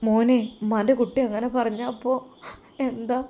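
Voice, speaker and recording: Woman doing a worried mom, malappuram accent, slow soothing coaxing voice. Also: on the high side, level tone, warm tone, lightly acted. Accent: Malappuram Malayalam.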